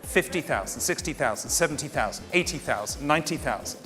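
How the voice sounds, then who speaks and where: A man's voice: on the high side, animated, fast talker, music in the background. A man working as a fine art auctioneer in a saleroom, formally and courteously calling and repeating bids to the room. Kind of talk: live fine art auction bidding patter.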